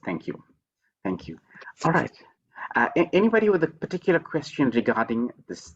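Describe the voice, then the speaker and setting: Guy teaching coding on a video call, kinda husky low voice, playful, says yes yes yes a lot. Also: highs cut off. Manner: playful, repeats words, teasing self-praise. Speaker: programming lecturer. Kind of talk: online tutoring session.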